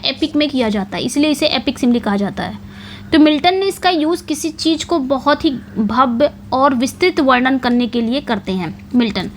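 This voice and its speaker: A high-pitched woman with an Indian accent teaches literature in an exam-prep lecture, repeating her points and posing questions that she answers herself. She reads English lines slowly and carefully. Faint room noise sits underneath. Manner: repetitive, asks and answers her own questions.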